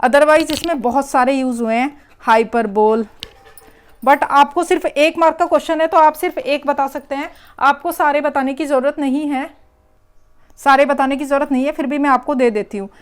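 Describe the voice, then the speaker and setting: Walking the class through an exam paper, the teacher speaks at normal speed in a high, steady voice. She proceeds step by step and keeps repeating the important words.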